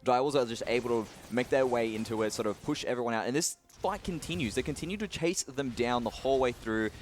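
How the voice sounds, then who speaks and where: Faint music plays behind this medium-pitched man as he analyzes esports replays. He moves quickly through each play and fills his commentary with filler words.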